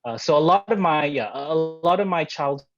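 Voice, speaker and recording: A man answers interview questions as a guest over a video call, hesitant and reflective with many fillers. His voice is a little high, with lively intonation and a fairly quick pace, over music, and the video-call audio sounds dry and dull.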